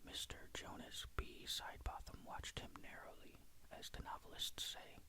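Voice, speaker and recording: Someone whispering an old ghost story, all breathy, no voice at all, asmr style. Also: moderate pace.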